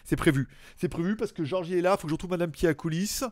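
A man's voice: sits high, fast, a little mellow, no room sound, studio quality. Chatty man hosting a live stream. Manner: chatty, joking, greets viewers by name. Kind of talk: casual live-stream chat reading viewer messages.

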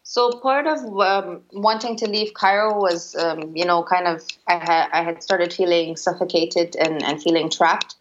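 A woman's voice: lowish voice, measured pace, hardly any pauses. A woman in her thirties, a musician, answering interview questions in a hesitant way with many restarts. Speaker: interviewee, musician and former teacher. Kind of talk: conversational interview. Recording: dull lo-fi sound with faint noise.

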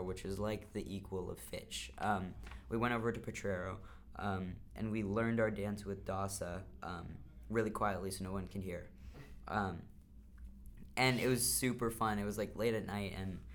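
A hoarse young co-host who has lost their voice, chatting casually in a rambling way with many ums and restarts. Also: low voice, slight background noise. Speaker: camp podcast co-host. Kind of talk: casual chat.

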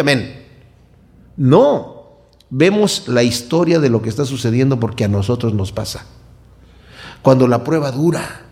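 Gravelly, animated male preacher. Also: a little high. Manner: animated, acts out quotes, rhetorical questions. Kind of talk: sermon.

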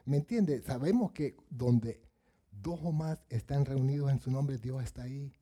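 Preacher, male, mellow husky tone, lively sermon that acts out the Bible voices. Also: medium pitch, a little slow. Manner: asks the congregation questions, acts out Bible voices.

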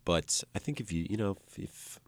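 A man's voice: deep voice, animated, normal speed, no echo. A man talking casually as an interview guest, in a laid-back, rambling way full of "like" fillers, recorded close to the mic. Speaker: musician guest. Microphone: close microphone.

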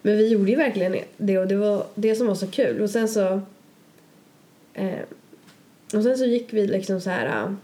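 Brief: young woman, mellow tone, chatty rambling storyteller. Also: mid-range voice, expressive, long pauses. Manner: rambling, lots of fillers and quoted asides. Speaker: podcast co-host. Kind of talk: casual storytelling chat.

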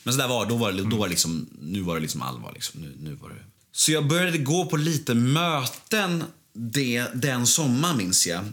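Blunt man telling a lively story. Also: medium pitch. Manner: blunt, swears freely, animated telling. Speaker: guest. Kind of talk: candid storytelling in casual chat.

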